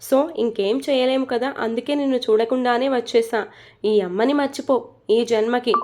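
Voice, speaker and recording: A woman's voice: a little high, fairly even intonation, normal speed, darkish tone, lightly acted. A woman reading as a sorrowful young mother. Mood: tender sad. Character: sad young mother, gentle and tender.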